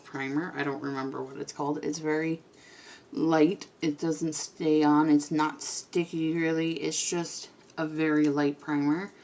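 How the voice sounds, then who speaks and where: A woman vlogger chatting casually and rambling a little as she does her makeup at home. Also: low-pitched. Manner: chatty, rambling, quiet at times. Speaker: beauty vlogger. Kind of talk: casual chat while doing makeup.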